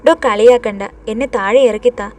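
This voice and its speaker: A woman's voice: on the high side, moderate pace, darkish tone, lightly acted. Stella, woman voicing a timid young woman. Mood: pleading. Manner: pleading, a little hurt.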